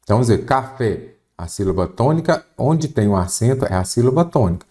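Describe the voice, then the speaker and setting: A man's voice: mid-range voice, big pitch swings, brisk, mellow. A Brazilian man teaching an exam-prep grammar lesson, explaining step by step and often checking in with the student. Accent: Brazilian Portuguese. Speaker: Portuguese teacher.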